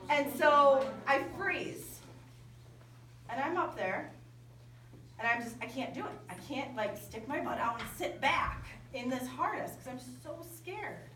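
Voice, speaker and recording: A woman camp speaker telling a story in a lively sermon to young people. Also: high voice, measured pace, a little hiss or hum. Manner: lively, animated storytelling with quoted dialogue. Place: large indoor hall at a winter camp. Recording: echoey hall from far off.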